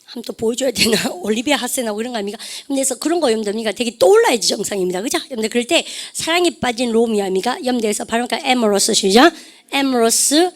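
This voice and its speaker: Lively woman English teacher lecturing. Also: on the high side, very fast, few pauses. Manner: lively, repeats "여러분들", asks the class questions; refers to herself as "쌤". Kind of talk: lecture to a class.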